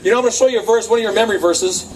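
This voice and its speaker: A man giving a lively youth sermon, acting out quotes and laughing often, recorded on a camcorder from across the room. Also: high voice, very fast, slight background noise. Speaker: youth speaker. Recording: distant camcorder sound, faint crowd.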